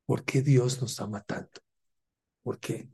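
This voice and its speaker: A man's voice: medium pitch, steady tone, slow, dark tone. A man giving a fervent religious lesson, asking his listeners rhetorical questions and mixing Hebrew terms into his talk. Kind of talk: Torah lesson.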